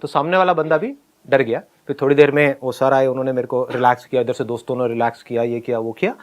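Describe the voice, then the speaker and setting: A middle-aged man casually telling a personal story, animated, often laughing and acting out what people said. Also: mid-range voice, fast talker. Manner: animated, laughs while telling, acts out quoted lines.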